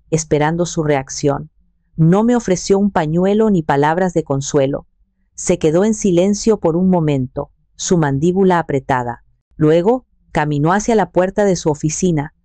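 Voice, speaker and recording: Female narrator for a scripted first-person story; calm and even, mellow, dry read. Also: sits low, no room sound.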